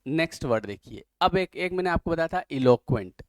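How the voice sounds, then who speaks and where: A man teaching an English vocabulary class, teasing his students and reading definitions out slowly. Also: a little high, expressive, no room sound. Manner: joking, teasing students between word lists. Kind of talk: online class lecture.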